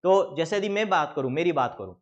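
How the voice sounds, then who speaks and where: A man teaching an exam-prep biology lecture, reading textbook lines slowly and then explaining them, calling his students beta. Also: on the high side, animated, highs cut off.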